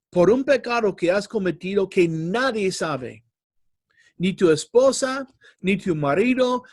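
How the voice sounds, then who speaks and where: A man's voice: sits high, a little mellow, clean studio sound. A middle-aged man preaching an earnest sermon in a church hall, often calling the listeners brothers.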